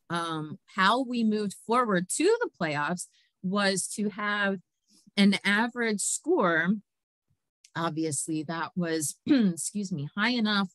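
A woman's voice: medium pitch, a bit bright, no room sound. Woman host going over quiz scores, lots of ums, dry sound, no room. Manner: chatty, many fillers, laughs often. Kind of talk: casual presentation of competition results.

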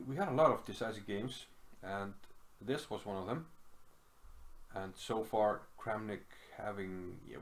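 Middle-aged man from Iceland, low voice, relaxed home-desk chess commentary with many fillers. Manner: relaxed, thinking aloud with frequent fillers. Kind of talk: casual chess game analysis. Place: small room at home.

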